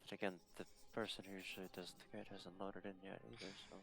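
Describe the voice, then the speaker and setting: A man's voice: sits low, level tone, fast talker, fairly bright tone. A man chatting casually during a game stream, laid-back, explaining what he sees. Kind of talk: casual group chat while gaming.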